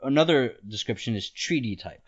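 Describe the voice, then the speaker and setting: In dull, lo-fi podcast audio, a male host with a mid-range, animated voice talks briskly. He explains ideas in casual conversation, leaning on "like" and "right?" and laughing easily.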